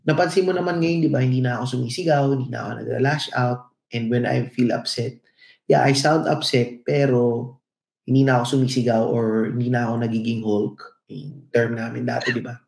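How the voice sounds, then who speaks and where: A man's voice: mid-range voice, fairly even intonation, brisk, vocal fry, a little mellow. A middle-aged man from the Philippines with a Filipino accent, a podcast co-host telling stories in a reflective, casual way. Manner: reflective storytelling. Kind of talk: casual podcast chat, mixing in English. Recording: echoey room.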